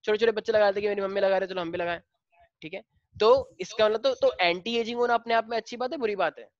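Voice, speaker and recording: A male teacher with an Indian accent explaining biology to a class, switching between Hindi and slowly dictated English lines. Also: sits high, no room sound, lo-fi sound.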